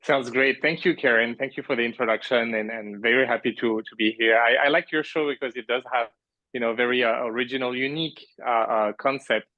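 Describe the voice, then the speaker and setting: A man's voice: mid-range voice, fairly even intonation, brisk, no echo, dull audio. A man in his thirties from France, a podcast guest talking casually about his life, rambling with many fillers and restarts and laughing often. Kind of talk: casual conversational interview. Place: remote call from an island at night.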